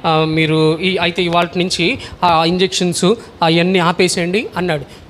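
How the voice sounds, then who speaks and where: High-voiced man giving a testimony. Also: flat delivery, normal speed, a bit bright, slight background noise. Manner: emotional storytelling with many restarts. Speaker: testimony speaker. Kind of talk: personal testimony.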